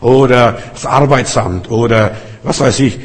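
A man preaching a sermon, repeating refrains and swinging between loud and soft. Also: medium pitch, unhurried. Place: Berlin Cathedral. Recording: long reverb of a large church.

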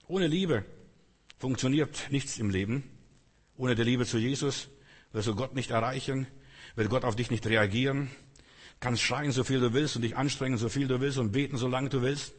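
A man's voice: mid-range voice, slightly rough. A man preaching a sermon, earnest and coaxing, speaking directly to his listeners. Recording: long hall reverb.

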